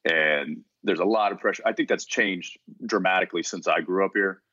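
Very deep-voiced man, dry lo-fi sound. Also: a little fast, slightly rough, dry recording. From Texas. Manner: relaxed, rambling with frequent restarts. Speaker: actor being interviewed. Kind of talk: casual interview conversation.

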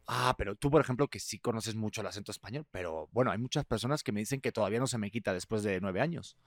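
Jokey Spanish-accented host, dry sound. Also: male voice, fairly low pitch, no echo. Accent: Spanish, softened by Mexican speech. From Spain. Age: 30s. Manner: jokey, chatty, quick to laugh. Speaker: podcast host. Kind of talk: casual chat.

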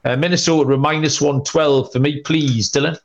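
A man's voice: fairly high pitch, fairly even intonation, lo-fi sound. A man hosting a sports betting podcast, running through game lines in casual chat with frequent "um" and "uh". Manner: brisk, reads stats with filler "um" and "uh". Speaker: podcast host.

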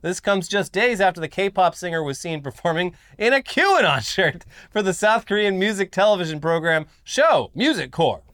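A man's voice: high-pitched, animated, moderate pace, few pauses, a bit bright, smooth, no echo, studio quality. Blunt, profane male news co-host. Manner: blunt and profane, reading articles aloud then riffing. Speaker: co-host of a news commentary show. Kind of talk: casual news commentary chat.

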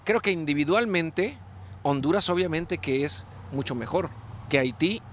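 Man, football panel pundit, emphatic, repeats himself, fairly high pitch. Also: lively intonation, moderate pace, a little hiss or hum. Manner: emphatic, repeats phrases while arguing. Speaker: former player, football pundit. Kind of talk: sports panel discussion.

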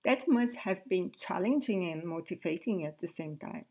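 A woman's voice: fairly low pitch, lively intonation, moderate pace, a little mellow. Woman podcast host, friendly and encouraging, asks questions. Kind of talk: podcast interview.

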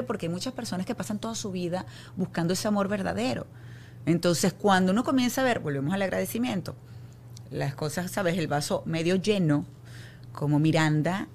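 A middle-aged woman from Venezuela, a guest in a casual interview, speaking softly and earnestly about family and grief. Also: lowish voice, slight background noise. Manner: soft, reflective, earnest. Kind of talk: casual conversation.

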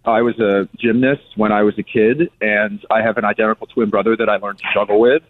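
A man in his thirties answering questions as a guest executive in a radio interview. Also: fairly low pitch. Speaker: circus chief executive, guest. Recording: thin, phone-like band-limited sound.

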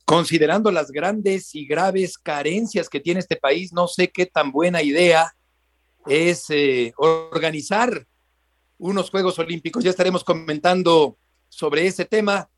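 A man with a Mexican accent hosting a live sports news radio show. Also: high voice.

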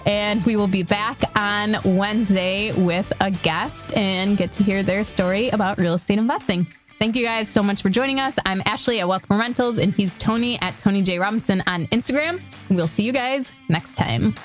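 A woman's voice: medium pitch, moderate pace, faint music behind. A woman co-hosting a podcast in a casual, chatty, conversational style. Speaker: podcast co-host.

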